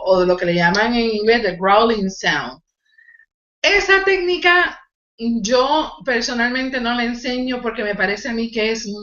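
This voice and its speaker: A woman's voice: a little high, bright, forceful tone, reverberant, dull audio. A woman vocal coach teaching a live online singing lesson, explaining technique and demonstrating nasal exercises. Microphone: video call.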